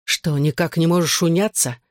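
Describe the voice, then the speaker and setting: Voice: medium pitch, fairly even intonation, normal speed, no echo, clean studio sound, natural voice. An audiobook reader voicing a hot-tempered teenage boy who speaks curtly, with a snarl. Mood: angry. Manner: curt, snarling.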